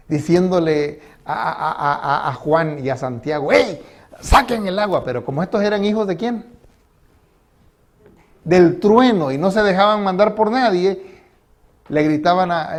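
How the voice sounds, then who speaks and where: A pastor delivers his sermon in a noticeably high voice, stopping often to ask his listeners questions. He acts out little quotes as he goes, moving between loud calls and quiet asides. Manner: preaching with rhetorical questions and acted quotes.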